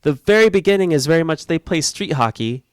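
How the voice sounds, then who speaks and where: Man, casual co-host, rambling offhand delivery, clear smooth voice, dry close recording. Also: on the high side, lively intonation, brisk, no echo. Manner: loose, rambling, with fillers and mild swearing. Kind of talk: casual discussion of book versus film.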